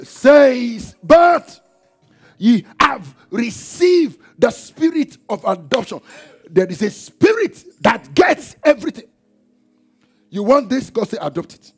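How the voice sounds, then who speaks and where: A man preaching a church sermon, emphatic, with call-and-response shouts and chanting. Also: very high-pitched, big pitch swings, unhurried, vocal fry, breathy edge. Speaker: pastor. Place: church hall. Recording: church service with music and congregation behind. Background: music and congregation.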